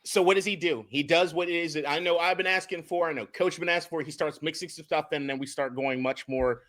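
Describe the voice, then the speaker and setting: With a fairly high, bright, and forceful voice, a young man talks quickly while dissecting game film as co-host of a casual sports podcast. He's lively, curses freely, and keeps stumbling over restarted words.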